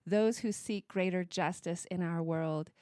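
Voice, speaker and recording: A woman's voice: lowish voice, unhurried, a little mellow, clear, resonant tone, no echo. Empathetic woman co-hosting, dry close sound. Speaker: podcast co-host. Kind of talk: conversational interviewing.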